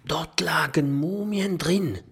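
A man voicing a curious young male hero in a children's storybook, speaking in a hushed, breathy whisper. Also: fairly high pitch, a little slow, pitched above the performer's own voice. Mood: excited whisper.

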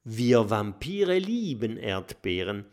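A man's voice: fairly low pitch, sing-song, takes it slowly, a little mellow, exaggerated voice. A man voicing a small, cheerful vampire boy in a children's audiobook, talking eagerly.

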